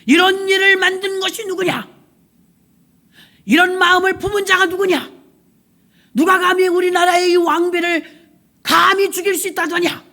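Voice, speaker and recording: A woman's voice: very high voice, steady tone, moderate pace, long pauses, bright, forceful tone, voice pushed up, heavily acted. A woman preacher voicing an enraged ancient king who bellows royal orders. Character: furious ancient male king, commanding.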